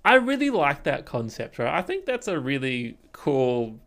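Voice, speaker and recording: His pitch swoops wildly in a mid-range, fairly bright voice as this podcast co-host chats without hurry. The talk is casual and packed with fillers, and he often finishes with "right?".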